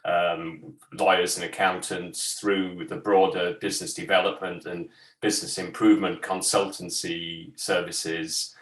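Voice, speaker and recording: A man's voice: deep voice, flat delivery, measured pace, fairly bright tone. A man speaking as a sector advisor over a video call, hesitant and full of ums and restarts, in an echoey room far from his mic. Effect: heard over a video call.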